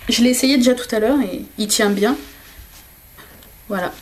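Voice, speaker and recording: A woman's voice: a little high, moderate pace, darkish tone. A woman vlogger chatting casually while unboxing gifts, hesitant and full of fillers. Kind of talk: casual gift unboxing vlog.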